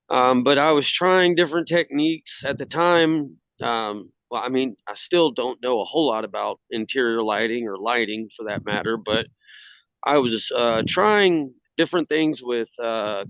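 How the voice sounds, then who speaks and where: A man on a video call from outdoors in the cold, casually presenting his hobby work in a halting way. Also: mid-range voice, fairly bright tone, clean tone, no echo. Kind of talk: casual slideshow talk. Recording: slightly dull video-call audio.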